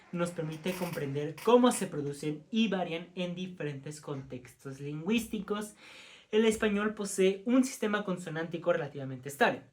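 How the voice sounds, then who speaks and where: A man presenting a lesson to a class as the teacher, often stumbling over terms and correcting himself, with informal asides to listeners. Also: fairly high pitch.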